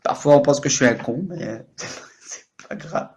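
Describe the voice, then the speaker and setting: A man's voice: medium pitch, moderate pace, a little hiss or hum. A man in his late thirties from France with a French accent, talking very freely on an improvised live stream, rambling, jumping between topics and teasing himself and his viewers. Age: late 30s. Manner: teasing and self-mocking. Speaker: livestreamer. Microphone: own microphone.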